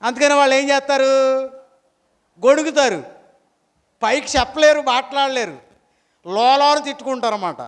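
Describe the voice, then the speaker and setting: A man's voice: extremely high pitch, normal speed, pauses often, in a large hall. A pastor preaching a sermon, throwing rhetorical questions at his congregation.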